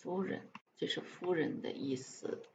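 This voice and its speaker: A woman whose first language is Chinese practises English aloud in an unhurried, lowish voice. She stumbles over words and repeats them as she sounds them out, adding spoken translations, on dull lo-fi live-stream audio with faint noise.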